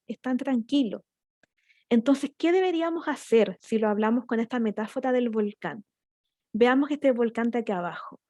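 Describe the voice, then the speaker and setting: A woman explains child stress in a seminar talk, her voice sitting a little high. She builds her points through images and questions put to the audience, speaking to parents as one of them. The sound is dry and close, with no room around it. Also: a little mellow, no room sound. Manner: explains with metaphors and rhetorical questions.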